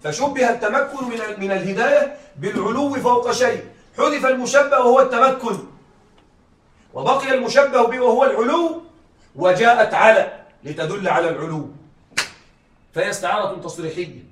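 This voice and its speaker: Through a distant mic in an echoey classroom, with faint hiss, a man teaches rhetoric in a very high-pitched, fairly bright voice at a fairly quick pace. He repeatedly checks that his students are keeping up with the lecture.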